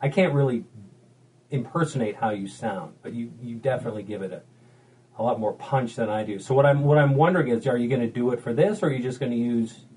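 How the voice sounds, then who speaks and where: A man's voice: mid-range voice, fast, dark tone, rough recording. A man co-hosting a comedic podcast, easygoing and a bit hesitant in his banter. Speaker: podcast co-host.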